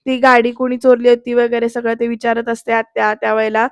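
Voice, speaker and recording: A woman's voice: fairly high pitch, flat delivery, a little fast, clear, resonant tone, no echo, studio quality. A woman giving a chatty voice-over recap of a TV serial episode and quoting the characters' lines. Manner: chatty, retelling with quoted lines. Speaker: serial reviewer.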